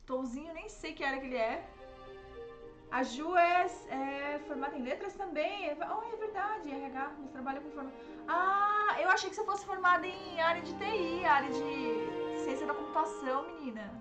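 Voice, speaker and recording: A young woman, streaming herself playing a game and reacting with excitable, panicky outbursts. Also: high-pitched, normal speed, loud music behind the voice. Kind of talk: live gameplay commentary.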